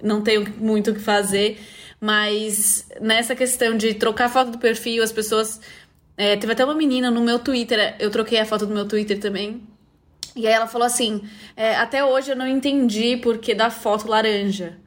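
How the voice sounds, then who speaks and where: A woman's voice: on the high side, flat delivery, normal speed. A woman hosting a podcast, talking in an earnest, reflective way with many fillers. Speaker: podcast host. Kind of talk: casual podcast conversation.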